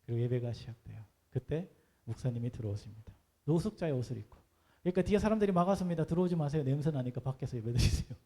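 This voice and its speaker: Mellow-voiced pastor preaching a sermon. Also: male voice, medium pitch. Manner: conversational, asks the congregation rhetorical questions.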